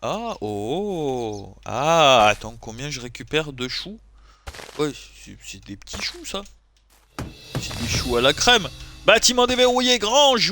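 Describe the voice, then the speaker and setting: Excitable streamer dude joking around while he plays, higher voice that bounces all over. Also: slight background noise. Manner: excitable, jokey, loud outbursts. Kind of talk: casual gameplay commentary.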